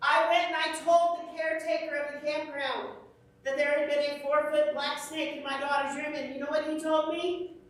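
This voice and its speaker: Animated woman storyteller, very high voice. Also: normal speed. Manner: animated storyteller, shrieks when acting out fright. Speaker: children's church teacher. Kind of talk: storytelling lesson to kids. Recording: echoey church room, from far off the mic.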